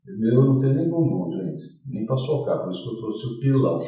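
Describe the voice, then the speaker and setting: A male talk show host who talks theatrically, cracking jokes and hopping between subjects. His voice is warm and dark. He sounds a little far from the microphone in a very echoey room. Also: mid-range voice, animated, fast talker. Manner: theatrical, jokey, jumps between topics. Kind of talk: lively studio interview.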